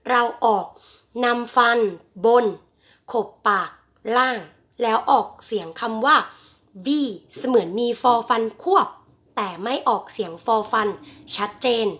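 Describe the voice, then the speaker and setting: A woman's voice: fairly high pitch, fairly bright tone. A woman teaching English vocabulary in a bilingual lesson, repeating each word for her students and addressing them fondly as children. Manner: drills vocabulary with slow, stretched repetition.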